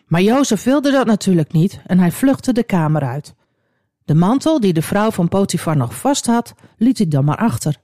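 An expressive woman telling a children's Bible story, talking straight to her young listeners. Her voice is warm and mellow with a lively, swooping pitch, recorded close and dry. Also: moderate pace, no echo.

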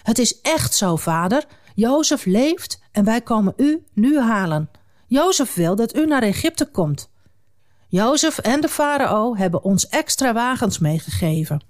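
A woman's voice: on the high side, sing-song, unhurried, darkish tone. Jacob's earnest grown sons, voiced by a woman.

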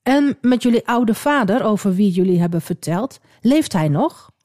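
A woman voicing Joseph, a powerful ruler, in a children's Bible story, speaking in a measured, commanding way. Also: mid-range voice, expressive, dry recording, studio quality, lightly acted. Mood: kind. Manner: stern, then gentle.

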